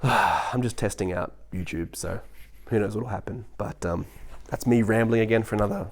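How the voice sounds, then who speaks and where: Man, vlog monologue, animated, fast, lots of restarts. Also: on the low side. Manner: animated, quick-talking, many restarts; mock voices when quoting others. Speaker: vlogger. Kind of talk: rambling monologue.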